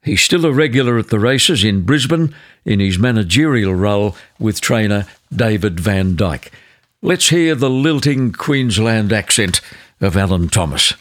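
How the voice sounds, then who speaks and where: A man's voice: fairly low pitch, expressive, no echo. Older male host, Australian accent, polished and articulate, very varied intonation, close dry sound. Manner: measured, articulate broadcaster delivery. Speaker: podcast host, interviewer. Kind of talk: polished scripted introduction and interview.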